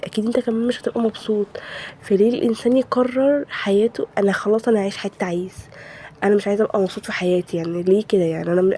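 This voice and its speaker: A woman with an Egyptian Arabic accent, slightly stuffy from a cold, rattles off her words at a very rapid pace. Her tone is soft and dark as she vents in a casual vlog voice-over. She keeps firing rhetorical questions. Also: mid-range voice, a little hiss or hum. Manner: heated, rhetorical venting with repeated questions. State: has a cold. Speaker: home vlogger.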